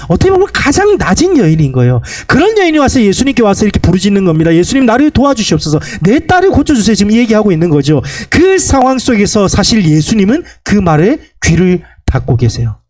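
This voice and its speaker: A middle-aged male pastor preaching a Sunday sermon. He tells stories and keeps putting questions to his congregation. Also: a little mellow. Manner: storytelling, asks the congregation questions; swings between high pleading and low drawn-out endings.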